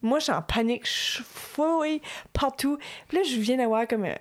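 A young woman with a Quebec French accent telling a story in casual chat, animated and mixing English words into her French. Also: sits high, moderate pace.

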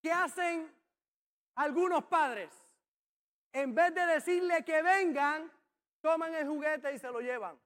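A man preaching with a strikingly high voice. He drives his points home with emphasis and bursts into shouts on key phrases. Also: slow, long pauses. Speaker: pastor. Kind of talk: sermon.

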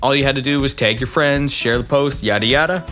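A man with a bright, forceful voice chats on a casual podcast. He jokes around and keeps the banter playful. Faint music sits underneath. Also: medium pitch, fairly quick. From Canada. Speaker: podcast co-host.

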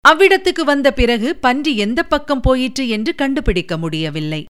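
A woman narrating an audiobook of a historical novel in an even, measured storytelling manner. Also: sits high, clean tone.

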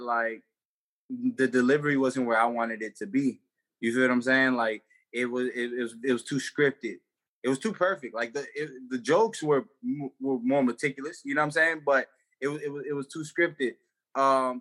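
A young male comedian appears as a podcast guest, chatting casually in loose slang full of fillers and restarts. His medium-pitched voice is bright and forceful.

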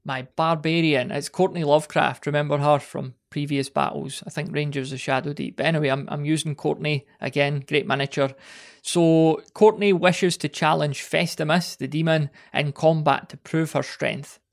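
A man's voice: a little high, fairly even intonation, moderate pace, creaky. A man hosting a solo podcast, talking casually with rambling asides and wry jokes. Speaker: podcast host.

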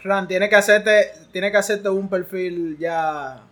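A man's voice: high voice, slow pace, a bit bright. A man with a Dominican accent chatting casually as a podcast guest. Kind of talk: casual chat.

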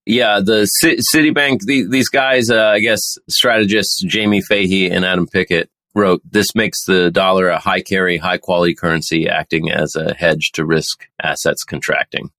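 A man's voice: low voice, steady tone, moderate pace, hardly any pauses, pushed and bright, no echo. A man co-hosting a podcast, chatting casually about money and markets, joking, swearing and reading quotes aloud. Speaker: podcast co-host. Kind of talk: casual finance chat.

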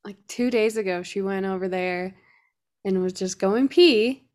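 A woman's voice: mid-range voice, a little slow, a little mellow. Chatty young woman telling a story. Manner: chatty storytelling with many "like" fillers. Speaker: podcast co-host. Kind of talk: casual chat.

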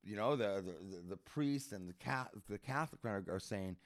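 A man's voice: on the low side, moderate pace. A man chatting casually and retelling stories with enthusiasm, repeating himself and peppering his talk with bro and dude. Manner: slangy, says bro and dude often, enthusiastic, repetitive. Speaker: podcast co-host. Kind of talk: casual chat, retelling a story.

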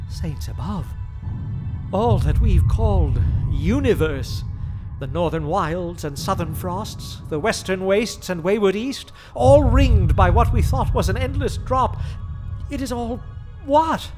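An actor playing a learned, formal man who speaks in ornate, deliberate phrases. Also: high-pitched. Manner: formal, ornate, slow speech.

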